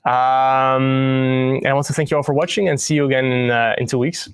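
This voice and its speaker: Young male host, mid-pitched, halting delivery full of fillers, dry close sound. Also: little pitch movement, clean tone, no echo. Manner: hesitant, frequent ums and restarts. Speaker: host of a partner news livestream. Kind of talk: presenting product updates to camera.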